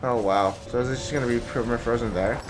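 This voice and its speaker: A young adult man streams games from a desk in an indoor room, chatting casually with blunt, profane banter. His medium-pitched voice moves fast, with music and game audio behind him.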